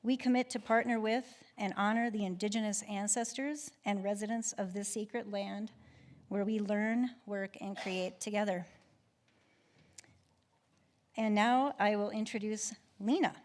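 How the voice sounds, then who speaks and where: A woman's voice: medium pitch, fairly even intonation, normal speed, darkish tone. A woman host reading a formal introduction and land acknowledgment before a lecture. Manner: formal, reading a list of awards. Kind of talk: read introduction.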